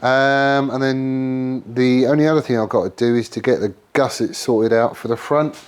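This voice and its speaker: Congested and losing his voice from a cold, a man chats casually to camera about a motorbike frame build in his home garage workshop while hosting his channel. His voice is mid-range with a steady, clean tone at a moderate pace, and he rambles informally with frequent ums and trailing restarts.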